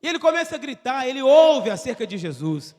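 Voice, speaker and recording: A man with a Brazilian accent preaches a Pentecostal sermon, his voice pitched very high for a man. He pushes into shouts and keeps calling out amen to the congregation. The sound carries a long church hall reverb. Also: very animated, a little fast. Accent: Brazilian Portuguese. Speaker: pastor.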